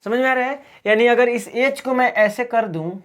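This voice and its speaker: With a very high, slightly bright voice at normal speed, a man from Bihar presents a classroom-style video lesson in which he asks each drill question and then answers it himself.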